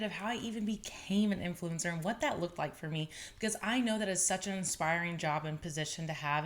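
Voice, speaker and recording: Chatty young woman hosting a podcast. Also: lowish voice. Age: 20s. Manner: chatty, animated storytelling with laughs. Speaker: podcast host. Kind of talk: casual podcast monologue.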